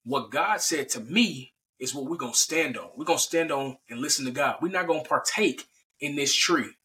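A man's voice: medium pitch, lively intonation, moderate pace, bright, forceful tone, distant mic, a little hiss or hum. Man putting on a flustered, slangy Adam. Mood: pleading. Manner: casual slangy pleading. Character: panicky, defensive Adam, a young man.

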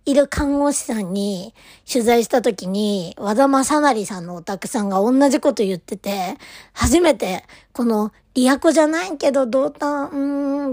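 A woman's voice: a little high, a little mellow, dry recording. Gushing woman fangirling, dry close sound. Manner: gushing, rambling, drops to near-whisper at times. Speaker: idol fan vlogger. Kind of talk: casual solo talk to camera.

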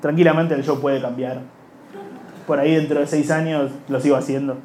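Rambling Rioplatense comedian, slightly high voice. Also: male voice, fairly even intonation, normal speed, darkish tone, slight background noise. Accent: Rioplatense Spanish. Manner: rambling, self-mocking, slips into quoted voices. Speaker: stand-up comedian. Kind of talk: stand-up comedy storytelling.

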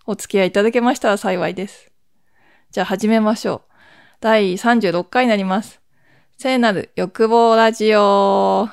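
Gravelly-voiced woman in rambling solo chat. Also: mid-range voice, fairly even intonation, a little mellow, dry recording, clean studio sound. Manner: rambling and chatty, often laughing at herself; deliberately keeping her voice down. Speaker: podcast host. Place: home at night.

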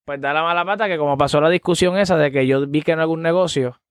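A man's voice: fairly high pitch, fast, smooth, no echo, studio quality. Man telling a story. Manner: animated, street slang, acts out quotes loudly. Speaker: guest. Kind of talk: casual storytelling.

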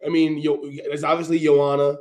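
A man hosting a casual sports panel discussion, speaking haltingly with repeated and restarted phrases. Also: a little high, flat delivery, a little mellow. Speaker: panel host.

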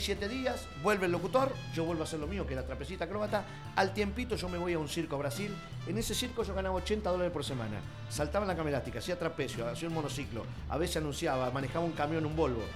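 Fast-talking Argentine man telling stories. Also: fairly high pitch, music in the background. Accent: Argentine Spanish. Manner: animated storyteller, acts out quotes. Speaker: circus owner guest. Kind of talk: storytelling on radio.

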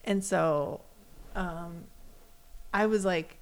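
A woman with a lowish voice speaks extremely slowly. She's an American from the West Coast, co-hosting a casual chat and telling personal stories with animation, acting out what people said.

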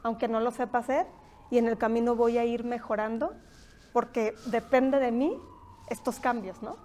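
A woman's voice: on the high side, steady tone, normal speed, darkish tone. A woman with a Mexican accent hosting a podcast interview, reflective and thinking aloud, often ending points with a questioning tag. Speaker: podcast host. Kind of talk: conversational interview.

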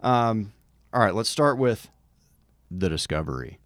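A man co-hosting a podcast, reading a listener's story aloud with a wry tone and dramatic pauses before each section title. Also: lowish voice, animated, fairly bright tone, no echo, clean studio sound. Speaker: podcast co-host.

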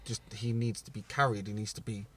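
Brief: young man, podcast co-host, relaxed and halting delivery, a little off mic. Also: lowish voice, slightly rough, no room sound, distant mic. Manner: easygoing, halting, many fillers. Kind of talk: casual chat.

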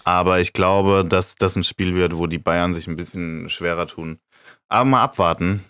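A man with a fairly low voice chats about football as a podcast co-host, opinionated and rambling, with a laugh never far off. The sound is dry and close, with little room around it. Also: steady tone, normal speed, fairly bright tone, smooth, no room sound. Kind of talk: casual football chat.

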